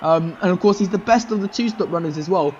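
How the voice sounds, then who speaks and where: A man with a notably high voice calls race results in an excitable, rambling way, full of "um"s as he works through the standings. The recording sounds slightly muffled, with a faint hiss behind him. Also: fast. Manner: excitable, rambling, frequent "um" fillers. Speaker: race commentator and series host. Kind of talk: casual sim-racing commentary.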